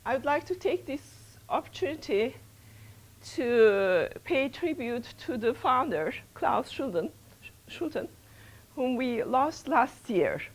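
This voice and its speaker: A woman's voice: on the high side, low-quality recording. A middle-aged woman, a research center's principal investigator, opening a workshop lecture in a lecture room, hesitant with many fillers and restarts.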